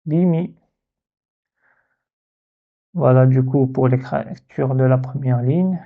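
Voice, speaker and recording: A man teaching a lesson step by step, patient, and repeating words slowly so they can be copied. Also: mid-range voice, narrow, tinny audio. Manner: slow, patient, repeats words to model pronunciation.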